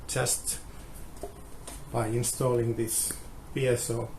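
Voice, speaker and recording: A man explaining a guitar measurement test, halting and restarting often, heard through a low-quality phone recording. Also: level tone, vocal fry, darkish tone, a little hiss or hum. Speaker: guitar tester.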